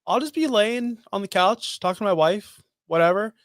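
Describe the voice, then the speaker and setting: Man, fairly high voice, tired low-key chat, dry close sound. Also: normal speed, no echo. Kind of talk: casual chat.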